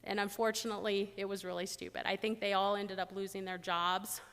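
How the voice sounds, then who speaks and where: Middle-aged woman presenter, blunt and joking, bright edge, echoing conference hall. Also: mid-range voice, fairly quick, clean tone. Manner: blunt, joking, animated storytelling. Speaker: air safety investigator giving a presentation. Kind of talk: conference talk.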